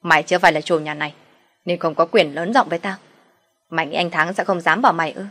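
A woman's voice: fairly low pitch, steady tone, quick pace, fairly bright tone. A woman voicing a brazen, scheming young mistress who talks insolently and then pleads. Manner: brash, insolent, turns pleading.

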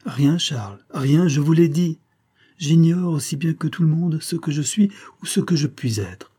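Brief: melancholy young noblewoman in a storybook, read by a man, earnest and reproachful, raised pitch. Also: unhurried, warm tone, slightly rough.

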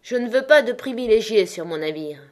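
A woman's voice: fairly high pitch, expressive, brisk, darkish tone, lightly acted. A woman voicing a stern male sea captain in a storybook reading, giving clipped commands. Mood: commanding.

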